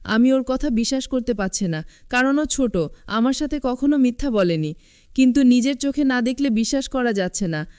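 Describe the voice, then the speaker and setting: Smooth-voiced woman narrating a story. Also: fairly high pitch, normal speed, no room sound. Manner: even, first-person storytelling.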